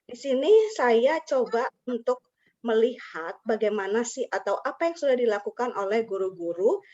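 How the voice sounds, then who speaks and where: On a video call, a woman hosts an online webinar for teachers as a teacher trainer, chatting in a friendly way and calling on participants by name. Her voice is on the high side and animated, with a darkish tone at a normal speed. The call audio sounds dull and lo-fi.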